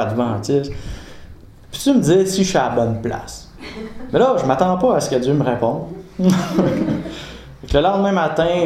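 A man with a Quebec French accent telling a personal story casually, animated, often laughing and acting out conversations. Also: mid-range voice. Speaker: guest giving a testimony. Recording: roomy with faint ambience.

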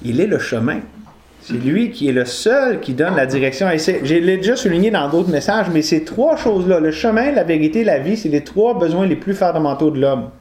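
A man preaching in a loose, conversational way, his voice sitting notably high for a man. He wanders into jokes and corrects himself as he goes. The sound is roomy and echoey, as in a hall. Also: expressive, brisk, a little mellow, a little hiss or hum. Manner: conversational, digresses with humor and self-correction. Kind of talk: informal sermon to a live congregation. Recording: roomy echo.

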